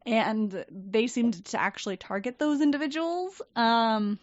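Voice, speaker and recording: A woman's voice: on the high side, a little slow, no echo, muffled recording. A woman hosting a podcast, telling work stories in casual chat and acting out the voices of others, her voice a little worn. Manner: animated storyteller, acts out voices of others. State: losing her voice. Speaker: podcast host.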